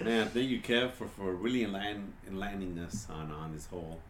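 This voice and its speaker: Male podcast host, lowish voice, easygoing and reflective, chatty with fillers. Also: steady tone, fairly quick, a little hiss or hum. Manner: reflective, loose, with many "you know" fillers. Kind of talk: casual podcast chat.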